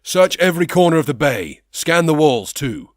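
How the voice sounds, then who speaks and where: An actor playing a stone-faced starship commander who gives curt orders. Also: male voice, a little high, very animated, moderate pace, no echo, studio quality. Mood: commanding.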